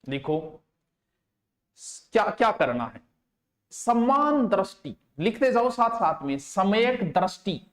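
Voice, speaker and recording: A man giving an exam coaching lecture in a fairly high voice. He speaks emphatically and repeats terms slowly so students can take notes. The voice bounces around a roomy, echoing space. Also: very animated. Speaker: teacher. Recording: roomy echo.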